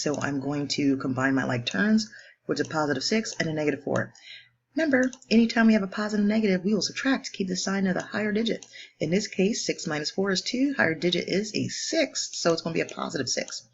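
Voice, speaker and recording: A woman math teacher working through homework problems step by step in a brisk, upbeat way, joking now and then at her own expense. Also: lowish voice, expressive, creaky, lo-fi sound, a little hiss or hum. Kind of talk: homework walkthrough lesson.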